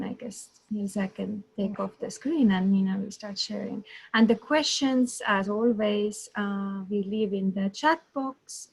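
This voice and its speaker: A woman's voice: medium pitch, vocal fry, husky, rough recording. A woman moderating an online talk informally, in a reassuring, encouraging manner over a video call. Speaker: host, moderator. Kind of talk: informal online event hosting.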